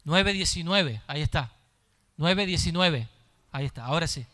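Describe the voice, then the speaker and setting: A man's voice: fairly high pitch, animated, moderate pace, sharp tone. A male pastor preaching a sermon, repeating his phrases and building in intensity as he goes.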